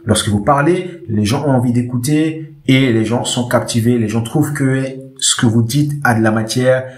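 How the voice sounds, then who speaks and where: A man hosting a casual podcast lesson on speaking well, addressing listeners directly. He talks in a lively way and often repeats himself for emphasis. His voice is mid-pitched, and the room gives it a noticeable echo. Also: normal speed. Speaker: eloquence coach, podcast host. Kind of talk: casual instructional talk. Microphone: podcast microphone.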